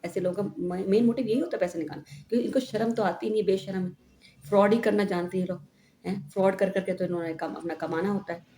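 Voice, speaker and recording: A middle-aged woman vlogger from India, telling a story in a chatty, animated way and often asking "हैं?". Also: mid-range voice, fast talker. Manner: chatty, animated retelling with frequent "हैं?" tags. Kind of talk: casual vlog storytelling. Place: home room. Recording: echoey room with faint background noise.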